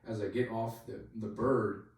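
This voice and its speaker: A soldier telling a story on a podcast in a rambling, casual way, leaning on "like" and swearing freely. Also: male voice, fairly low pitch, steady tone, unhurried, darkish tone. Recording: very echoey room, voice far from mic.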